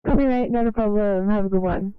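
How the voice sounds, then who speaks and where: An emergency dispatcher on two-way radio, giving brisk, clipped call-sign updates to field crews. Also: medium pitch, clean tone, no room sound. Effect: two-way radio transmission. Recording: tinny band-limited radio, dry.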